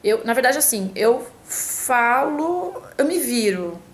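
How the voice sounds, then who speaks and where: A woman's voice: on the high side, big pitch swings, slow pace, low-quality recording. A woman from Brazil talking casually to camera at home, chatty and hesitant, with many restarts and fillers. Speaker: vlogger answering a tag.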